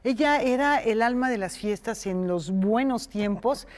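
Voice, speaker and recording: A woman's voice: fairly high pitch, unhurried, a little mellow. A woman anchoring a news show, talking conversationally and listing items.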